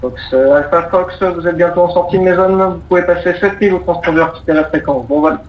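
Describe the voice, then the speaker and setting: Heard over muffled, roomy radio audio with faint noise, a brisk man with a fairly high voice works as an air traffic controller, giving courteous, procedural instructions and explanations.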